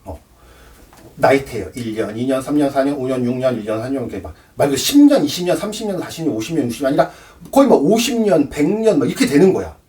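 A man's voice: mid-range voice, big pitch swings, fast, mellow, recorded from a distance. A man giving a cello lesson, explaining with props and counting aloud. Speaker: cello teacher. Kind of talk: demonstration lesson.

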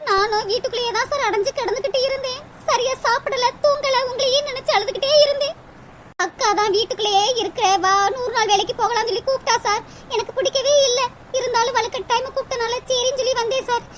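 A woman's voice: very high voice, fast, crowd noise. A woman voicing a young lovesick woman in a cartoon, tearful and pleading. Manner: weepy, pleading. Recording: loud hiss over the voice.

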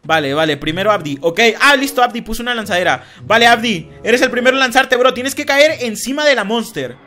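A young man hosting a multiplayer minigame, commentating with excited energy, shouting and laughing at the action. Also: very high voice, fairly quick. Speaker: gaming youtuber hosting a minigame.

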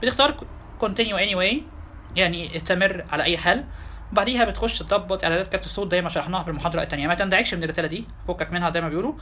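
An Egyptian-accented man runs a software lesson at a very fast clip. His voice sits high for a man and sounds bright and forceful. He keeps turning to his listeners with rhetorical questions. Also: a little hiss or hum. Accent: Egyptian Arabic. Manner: quick, chatty, addresses listeners directly with rhetorical questions. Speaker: software instructor. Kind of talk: tutorial lecture.

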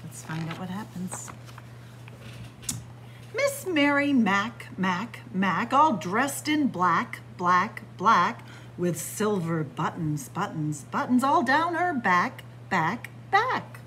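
A woman in her sixties, a children's librarian, reads a picture book aloud in a library lined with bookshelves, sitting close to a webcam. Her mid-range voice is very animated, bright and forceful, and she takes it slowly, chanting the rhymes sing-song with playful asides. There's a little hiss or hum in the recording.

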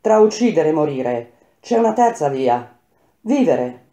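A woman voicing a gentle young slave girl who speaks in a soft, pleading way. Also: deep voice, very animated, measured pace. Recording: roomy echo.

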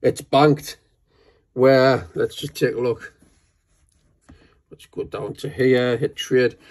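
A man's voice: mid-range voice, no room sound. A man talking casually to camera in a home vlog, rambling with many fillers and calling his viewers "guys". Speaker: forex trader vlogger. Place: at home, moving between rooms and outdoors.

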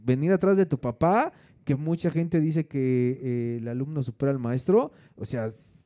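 A man's voice: medium pitch, moderate pace, mellow. A man hosting a casual interview, chatty, slangy and encouraging. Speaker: interview host.

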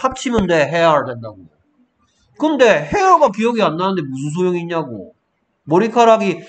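A man tutoring a student one-on-one, coaxing and scolding, prodding again and again for an answer. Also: high voice. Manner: scolding, repeatedly prompting with "어?". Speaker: English tutor. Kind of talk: one-on-one spelling lesson.

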